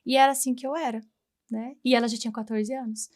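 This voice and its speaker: High-voiced woman telling a heartfelt story. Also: steady tone, fast talker, darkish tone. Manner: earnest, reflective storytelling; acts out remembered dialogue. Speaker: interview guest, women's mentor. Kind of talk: personal testimony in a talk-show interview.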